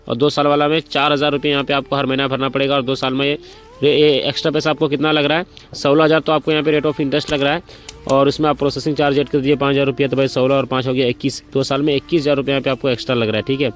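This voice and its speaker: A man's voice: medium pitch, level tone. A man in a casual vlog, walking viewers through loan arithmetic step by step, repeating figures and calling the audience friends. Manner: repetitive, walks through sums step by step, addresses viewers as brothers and friends; speaking slowly and deliberately by choice. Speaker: motorcycle finance explainer.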